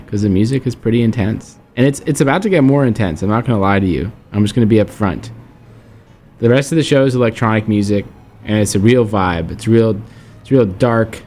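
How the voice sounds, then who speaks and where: A man's voice: on the low side, a little mellow. A man hosting a music radio show in an informal, hesitant, meandering way, chatting casually to listeners as he introduces tracks. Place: public ferry building, broadcasting live. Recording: music playing behind.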